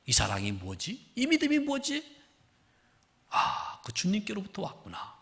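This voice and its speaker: A male pastor preaching a sermon in a church, swinging between loud emphasis and hushed, whispered lines. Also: sits high, wildly swooping pitch, a little slow, vocal fry. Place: church sanctuary.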